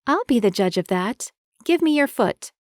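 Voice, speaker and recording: A woman's voice: on the high side, sing-song, normal speed, no echo, studio quality, pitched above the performer's own voice. Woman narrator doing a fussing, caring young woman. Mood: flustered.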